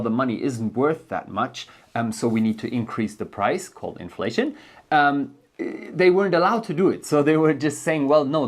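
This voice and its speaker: A man with a German accent who grew up in Germany, hosting an educational video and explaining a book in a loose, unscripted way, thinking aloud with many ums and restarts. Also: mid-range voice. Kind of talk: casual spoken book explainer.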